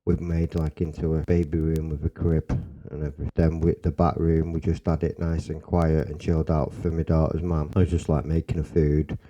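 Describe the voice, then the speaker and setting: A young man with a Salford accent telling a personal story in a rambling, excitable way, swearing and restarting often. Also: extremely low pitch, fairly quick, hardly any pauses, low-quality recording. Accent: Salford English. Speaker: storyteller guest.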